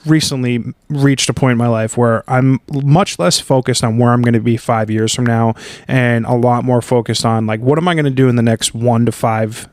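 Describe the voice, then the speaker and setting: A man's voice: mid-range voice, fairly even intonation, moderate pace, a little mellow, dry recording, clean studio sound. A man hosting a podcast in casual conversation, asking long rambling questions with fillers and restarts. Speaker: podcast host.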